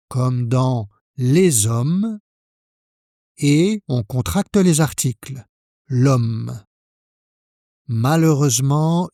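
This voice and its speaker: A man from France teaching French pronunciation, speaking slowly and carefully, spelling out each sound for the learner. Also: on the high side, warm tone, no echo, studio quality. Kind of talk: pronunciation lesson.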